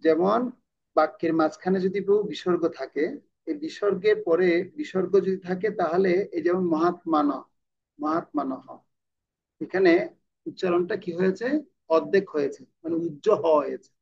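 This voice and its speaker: A man's voice: high-pitched, moderate pace, vocal fry, dull audio, slight background noise. A man teaching Sanskrit verse pronunciation in an online class, patiently repeating words and often checking whether his students follow. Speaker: scripture recitation teacher.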